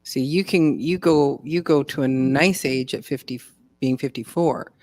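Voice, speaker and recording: A woman's voice: extremely low pitch, measured pace, a little mellow, no room sound. Woman, 50s, easygoing co-streamer, dry close mic. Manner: easygoing, laughs a lot. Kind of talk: casual chat. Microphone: video call.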